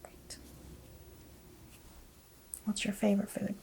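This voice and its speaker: A woman whispering softly and calmly as a doctor in an ASMR roleplay exam, giving gentle clinical instructions close to the mic. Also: slow pace, poor audio. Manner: soft, calm, clinical bedside whisper.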